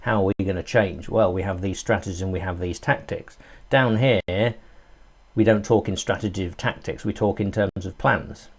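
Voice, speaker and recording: A man's voice: deep voice, fairly even intonation, normal speed, breathy edge. A man giving a live online tutorial, explaining his ideas step by step and thinking aloud with many fillers. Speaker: course instructor.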